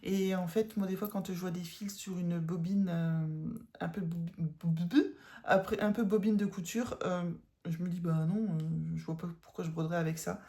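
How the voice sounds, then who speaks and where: A tired woman with a northern French accent chats through her cross-stitch haul in a loose, rambling way, full of fillers and restarts. Her voice is gravelly, with a dark, mellow tone. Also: on the low side, steady tone, normal speed. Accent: northern French, Ch'ti. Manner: chatty, rambling with many fillers and self-corrections. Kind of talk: casual haul chat.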